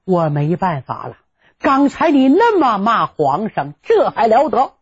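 A woman's voice: huge pitch swings, a little slow, breathy edge, exaggerated voice. A woman voicing a cunning old grandfather general who blusters and scolds in a storytelling performance. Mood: sly. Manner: blustering, lowered voice. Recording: dull lo-fi recording.

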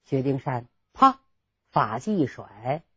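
A woman telling a traditional story with dramatic narration and lively sound words, on a dull lo-fi recording. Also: a bass voice, takes it slowly, breathy edge.

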